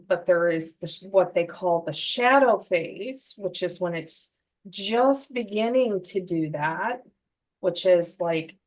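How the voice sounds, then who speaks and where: A woman's voice: lowish voice, low-quality recording. A woman co-hosting a casual chat podcast, explaining things plainly with many fillers. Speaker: podcast co-host.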